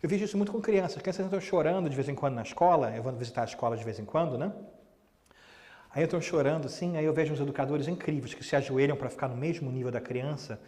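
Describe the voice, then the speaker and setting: A man's voice: fairly high pitch, quick pace, mellow. A middle-aged man giving a conversational talk, often asking the audience questions and acting out short dialogues. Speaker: Spiritist speaker. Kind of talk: live lecture. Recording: long hall reverb.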